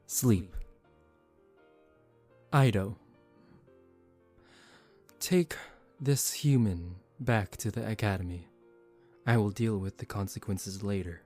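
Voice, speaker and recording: Slow and deliberate with long pauses, a man with a fairly low voice portrays a composed young aristocratic vampire in soft-spoken ASMR. Calm, formal and gently commanding, he is protective yet secretive, and the mood turns cool and commanding over soft background music.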